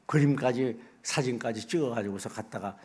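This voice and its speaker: A middle-aged man preaching a sermon as pastor, folksy and animated, acting out little asides. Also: medium pitch, normal speed, husky.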